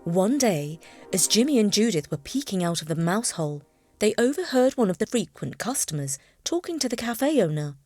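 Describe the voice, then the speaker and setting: Expressive woman reading a children's story. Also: mid-range voice, normal speed, faint music behind. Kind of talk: scripted storybook narration.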